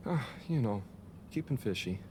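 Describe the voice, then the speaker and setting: A man's voice: medium pitch, lively intonation, normal speed, a little mellow, natural voice. Harold, a hesitant young man, as an actor plays him. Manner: hesitant, mumbling, self-conscious. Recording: game audio with ambient noise.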